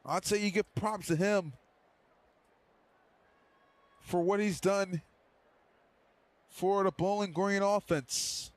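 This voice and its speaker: A man calling a livestreamed online football game, doing excitable play-by-play with loose, rambling asides and then interviewing a player. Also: high-pitched, takes it slowly, long pauses, dry recording. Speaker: play-by-play commentator and stream host. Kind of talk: casual livestream sports commentary.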